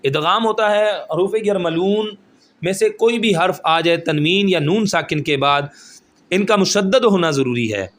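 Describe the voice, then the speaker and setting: A man's voice: high-pitched, a bit bright. A man teaching Quran recitation rules step by step, explaining patiently and often checking that the listener follows. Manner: explains rules patiently, then recites phrases slowly and drawn out.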